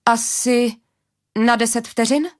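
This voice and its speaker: A woman reading an audiobook, voicing an enchanted door that answers questions plainly and haltingly. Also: a little high, fairly even intonation, voice pushed up, natural voice. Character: literal-minded talking enchanted door.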